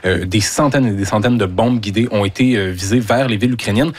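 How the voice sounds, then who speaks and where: Steady low-voiced Québécois news reporter. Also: male voice, a little fast, slightly rough. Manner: steady, informative delivery.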